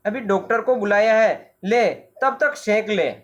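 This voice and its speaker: A teacher voicing a gentle mother who fusses over her sick young son, coaxing and soothing. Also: mid-range voice, a little slow, natural voice.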